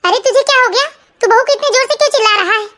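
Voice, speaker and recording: Cartoon mother-in-law, woman voicing, shrill high, scolding and dramatic. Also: racing, pushed and bright. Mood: motherly. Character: stern then remorseful mother-in-law.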